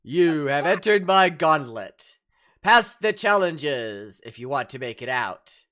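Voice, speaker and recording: A game master voicing a mocking being whose magically amplified voice booms down from the sky. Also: very animated. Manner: slow, loud, theatrical taunting. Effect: magically amplified booming voice from the sky.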